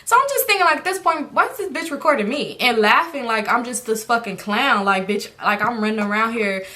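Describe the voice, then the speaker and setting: A young woman casually telling a storytime, animated and profane, often calling her listeners y'all. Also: fairly high pitch, fairly quick.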